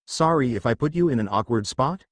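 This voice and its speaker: A calm teenage schoolboy who talks with a straight face, as a man reading the story puts him on. The line moves with a lively pitch. The voice is dry and close. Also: fairly quick, no echo, natural voice. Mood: hushed. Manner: plain, deadpan delivery. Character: teenage boy student, calm and deadpan.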